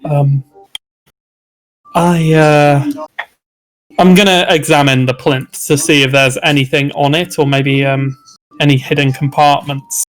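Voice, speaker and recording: A man's voice: a little high, steady tone, a little slow, long pauses, rough recording. Scholarly musing man at a game table. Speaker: player. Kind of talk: in-character tabletop play.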